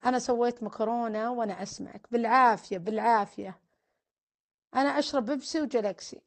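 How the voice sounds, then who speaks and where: A woman's voice: fairly high pitch, fast. A woman, a family counselor hosting a casual live stream, reading viewer comments aloud, teasing them and offering blessings.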